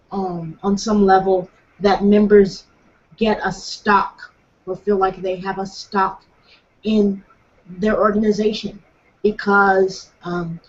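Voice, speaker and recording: A woman's voice: medium pitch, lo-fi sound. A woman guest in an online discussion, speaking thoughtfully and hesitantly with many fillers. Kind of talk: casual discussion.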